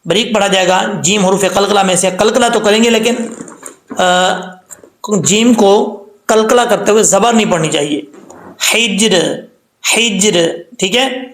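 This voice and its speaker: A man with a high voice gives a tajweed lesson in a roomy, echoing space. He explains each letter sound in plain talk, then chants the verse slowly with long, drawn-out vowels, dropping in short checks like "okay" between points. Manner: says "ok" and "theek hai" between points. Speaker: Quran recitation teacher.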